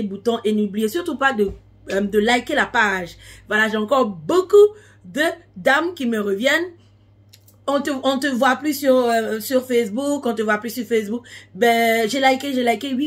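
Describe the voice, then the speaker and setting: A woman's voice: medium pitch, husky. A woman speaking a language that is not her first, chatting casually to followers as a beauty tips vlogger, explaining things with emphatic repetition. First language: not French.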